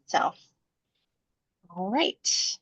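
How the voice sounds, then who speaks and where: A woman leading a workshop over a video call, talking haltingly with many fillers while her voice keeps breaking up on a bad connection. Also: a bit bright. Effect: voice breaking up over a bad internet connection. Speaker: workshop leader. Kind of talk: casual talk on a video call. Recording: dull lo-fi video call audio.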